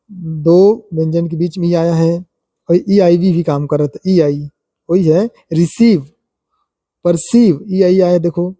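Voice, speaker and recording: A man teaching English pronunciation in a spoken lesson, stepping through numbered rules and repeating example words slowly. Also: high voice, mellow, dry recording.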